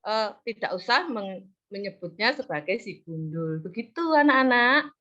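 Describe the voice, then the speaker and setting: A woman's voice: medium pitch, expressive, normal speed, sharp tone. A woman teaching a practice classroom lesson, coaxing and praising, often trailing off mid-word so the class can finish it. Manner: leaves words half-said for the class to finish. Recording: muffled lo-fi recording.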